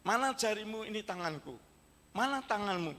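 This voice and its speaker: A pastor voicing a calm, firm Jesus. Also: male voice, high-pitched, normal speed, pitched above the performer's own voice. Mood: commanding. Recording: echoey church hall.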